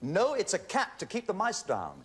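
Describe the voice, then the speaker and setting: A man's voice: high-pitched, wildly swooping pitch, moderate pace. A man hosting a TV bingo quiz, calling out numbers like a bingo caller and bantering with jokey one-liners. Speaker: game show host. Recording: noisy old TV studio recording, loud audience. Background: laughing studio audience.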